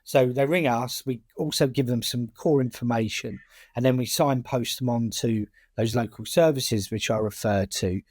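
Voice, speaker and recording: A man's voice: mid-range voice, normal speed, darkish tone, dry recording. A man with a British working-class accent answering in a conversational interview, often repeating words and restarting sentences as a campaigner. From United Kingdom. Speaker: charity chair and campaigner.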